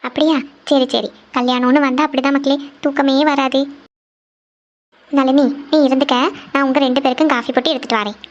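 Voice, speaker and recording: A woman doing a gentle old cartoon grandmother. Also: high-pitched, level tone, fairly quick, muffled recording, close to an everyday voice. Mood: soothing. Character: elderly grandmother, gentle and reassuring. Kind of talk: cartoon voice acting.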